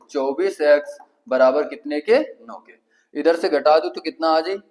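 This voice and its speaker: A man's voice: fairly high pitch, darkish tone, low-quality recording. A man with a Kanpuri Hindi accent teaching an exam-prep math lesson, asking the class questions and answering them himself step by step.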